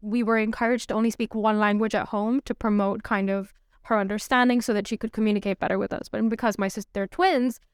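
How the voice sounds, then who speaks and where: A woman's voice: mid-range voice, fast talker, smooth, no echo, clean studio sound. A woman raised outside Pakistan, whose first language was Urdu, co-hosting a podcast in casual, emphatic chat. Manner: animated, emphatic, repeats herself for stress. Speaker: podcast co-host.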